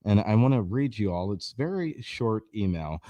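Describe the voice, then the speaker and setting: A man with a very deep, warm voice hosts a news show, commenting in a loose, conversational way. The sound is dry and close, with no room echo. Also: animated, moderate pace.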